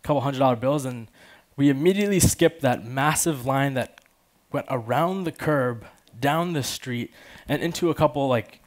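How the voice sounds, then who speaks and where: Using a headset microphone, an approximately twenty-year-old man, born in Afghanistan and now an American from Chicago, delivers a casual conference talk to an audience in a large auditorium. His voice is medium-pitched and at a normal speed, with hardly any pauses. He speaks conversationally, often saying "like" and "you know."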